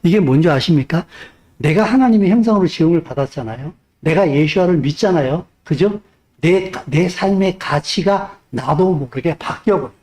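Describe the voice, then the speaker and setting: A male pastor preaching a sermon, pressing the congregation with rhetorical questions and swinging between loud urging and hushed speech. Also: on the high side, lively intonation, moderate pace.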